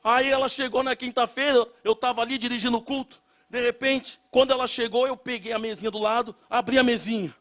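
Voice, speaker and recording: High-voiced preacher shouting prayer. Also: male voice, fairly even intonation, a little fast. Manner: storytelling testimony rising into loud shouted prayer. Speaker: pastor. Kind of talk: sermon.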